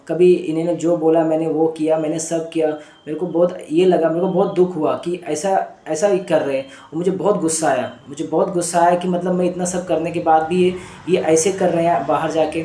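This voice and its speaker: A man's voice: a little high, mellow, natural voice. A man voicing a distressed woman patient in pain, pleading and repeating herself, calling him sir. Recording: echoey room.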